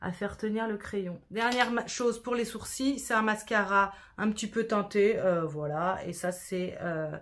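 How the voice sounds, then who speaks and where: A woman's voice: mid-range voice, measured pace, few pauses, fairly bright tone. Chatty woman doing a makeup tutorial. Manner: chatty, self-deprecating, sprinkles English words. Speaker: beauty vlogger.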